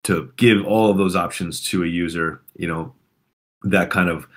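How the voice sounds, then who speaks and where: Deep-voiced man with a sore throat. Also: steady tone, moderate pace, a bit bright. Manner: rambling with many fillers and restarts. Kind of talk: casual community call.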